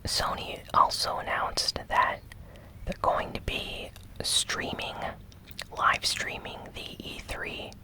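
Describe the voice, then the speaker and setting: The host of a gaming news show speaks in ASMR style, using nothing but a soft, breathy whisper. He delivers a gentle, relaxed recap at a very slow, measured pace in short phrases, and the recording quality is low.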